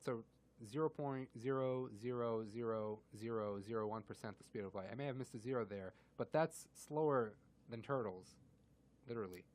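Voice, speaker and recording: A man's voice: mid-range voice, normal speed, a little mellow. Man explaining physics with laughs. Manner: laughs often, explains with analogies. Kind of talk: casual radio chat.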